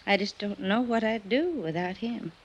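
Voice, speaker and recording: In a dull, noisy old radio recording, an actress with a mid-range, slightly rough voice plays a frail, weary older woman in a radio drama. She speaks at a normal speed, lingering sentimentally over her words in a wistful, fond mood.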